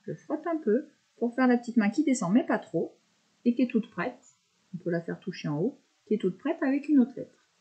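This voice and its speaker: A woman teacher explains a handwriting lesson to young pupils, describing every stroke as she makes it. Her voice is mellow and soft-edged, patient and encouraging. The recording sounds a little dull and lo-fi. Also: a little high, animated. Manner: slow step-by-step verbalizing, patient.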